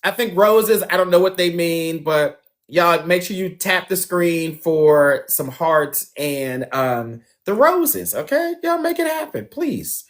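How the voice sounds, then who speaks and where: A man's voice: on the high side, slow, few pauses. A man hosting a dating show on a phone livestream, chatting casually, talking straight to viewers and laughing often.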